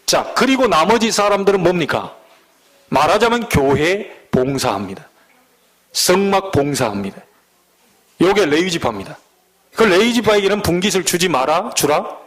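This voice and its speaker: A middle-aged man from the Jeolla region preaching a sermon as pastor, folksy, with loud emphatic peaks and low asides. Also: very animated, normal speed. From Jeolla, Korea.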